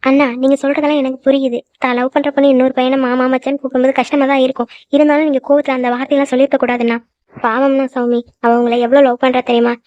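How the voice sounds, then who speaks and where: Rapid-fire, high cartoon young woman voiced by a woman. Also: a little mellow, dry recording. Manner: scolding, lecturing, then frightened. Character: young woman, hot-tempered friend turned peacemaker. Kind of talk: cartoon voice acting. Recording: dull lo-fi dry recording.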